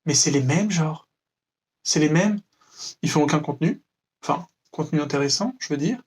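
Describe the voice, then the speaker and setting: Young man from France, slightly high voice, sneering freestyle rant, loose and rambling. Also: moderate pace, husky. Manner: sarcastic, mocking, rambling with many fillers. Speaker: vlogger.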